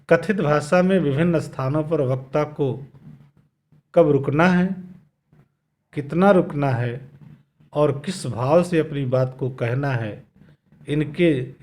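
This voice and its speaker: A male school teacher takes his time through a recorded grammar lesson. He speaks very slowly, with a voice of middling pitch, and he repeats key phrases so they sink in. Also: darkish tone. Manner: slow, deliberate explaining with repeated phrases. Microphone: video lesson recording.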